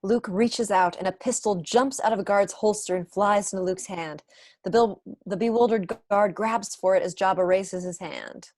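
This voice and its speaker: Her pitch is medium and her tone darkish, and she reads at a normal speed with no echo. She is a young adult woman narrating stage directions for an online table read. She records indoors in a small room at home over wired earphones on a video call.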